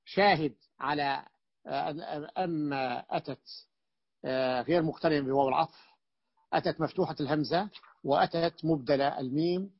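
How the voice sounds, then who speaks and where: Guy teaching grammar, kinda high voice, keeps asking the class stuff, muffled dry recording. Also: breathy edge, no echo. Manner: questions the class and repeats points with halting restarts. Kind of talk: explaining a classical grammar text to students.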